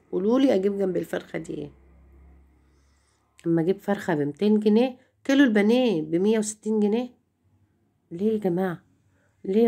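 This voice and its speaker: A woman's voice: mid-range voice, gravelly, mellow. A middle-aged Egyptian woman chatting to viewers in a home vlog, complaining and repeating herself as she talks. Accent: Egyptian Arabic. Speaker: home vlogger.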